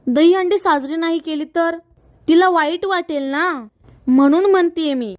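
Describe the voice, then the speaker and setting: A woman's voice: very high voice, unhurried, dry recording, studio quality, pitched above the performer's own voice. A woman voicing a scheming young woman who coaxes her family and plots in secret. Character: scheming young woman, sweet outside, spiteful inside.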